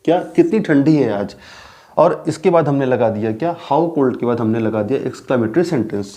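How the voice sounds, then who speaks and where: A man's voice: mid-range voice, animated, warm tone. Indian male teacher quizzing his class. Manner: keeps asking rhetorical questions and answering them himself; repeats key words slowly for emphasis. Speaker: English grammar teacher. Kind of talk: classroom grammar lecture.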